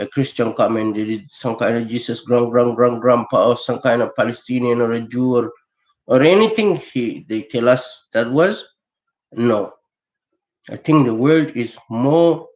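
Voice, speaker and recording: A man delivering a rambling, profane, heated monologue, often repeating words as he searches for them. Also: medium pitch. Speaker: vlogger. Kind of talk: unscripted monologue rant. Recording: echoey room.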